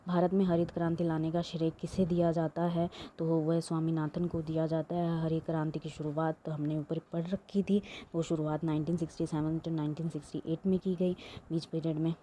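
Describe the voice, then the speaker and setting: A woman's voice: low-pitched, flat delivery, a little fast, mellow, a little hiss or hum. A woman teaching an exam-prep lesson, reading questions aloud and explaining them with many fillers and restarts.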